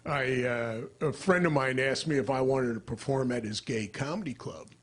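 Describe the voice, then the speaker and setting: An older man performing stand-up comedy into a stage microphone, deadpan and dry, jumping into character voices. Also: mid-range voice, normal speed.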